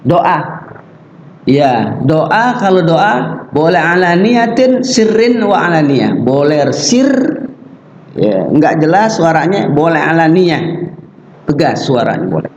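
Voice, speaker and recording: A man's voice: fairly high pitch, very animated, slow, long pauses, a little hiss or hum. A man teaching Quran recitation in a mosque, speaking emphatically and stretching out the example sounds. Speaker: religious teacher. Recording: echoey, dull lo-fi mosque recording.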